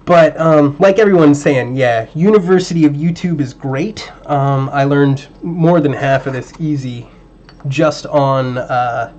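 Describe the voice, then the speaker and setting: A man hosting a casual livestream while building a drone, chatting with viewers and muttering to himself as he works, his voice slightly hoarse. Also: a little high, unhurried, muffled recording. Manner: relaxed, chatty, muttering at parts while working.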